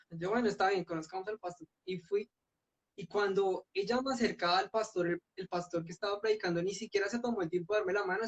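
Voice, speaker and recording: A young man giving an earnest personal testimony at a church youth meeting, telling his story with frequent restarts. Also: high voice. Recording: dull lo-fi sound.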